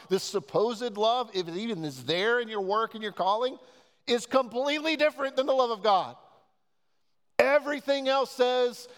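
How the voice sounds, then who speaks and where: A man preaching a sermon as pastor, earnest and urging, pressing his listeners with repeated questions. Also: sits high. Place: church sanctuary. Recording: long church reverb.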